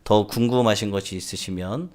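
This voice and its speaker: A man voicing a patient, polite male doctor who speaks softly and soothingly. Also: on the low side, a little fast, close to an everyday voice. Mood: calm polite. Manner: soft and soothing.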